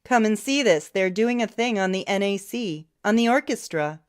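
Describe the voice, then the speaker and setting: A woman reading an audiobook, voicing a caring mother who talks in a bright, sing-song way. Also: on the high side, steady tone, takes it slowly, clear, resonant tone.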